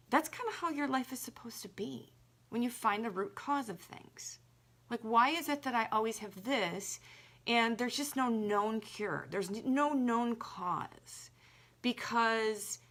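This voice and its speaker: A woman's voice: medium pitch, bright, forceful tone. A young adult woman, a holistic health coach, talking casually and emphatically, with lots of "like" in her speech. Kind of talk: casual direct-to-camera talk.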